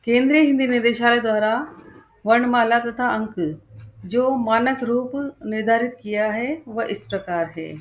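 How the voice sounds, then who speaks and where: A woman teacher giving a lesson, slowly spelling out example words one at a time and checking back with her students. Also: on the high side. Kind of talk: slow spoken lesson.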